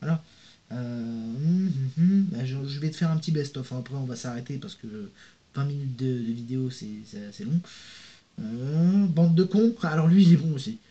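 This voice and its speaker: A man's voice: medium pitch, moderate pace, dark tone. A young man in a casual vlog, reading viewer comments aloud and answering them in a rambling, slangy way while speaking straight to the viewer. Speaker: YouTuber. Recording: dull lo-fi sound.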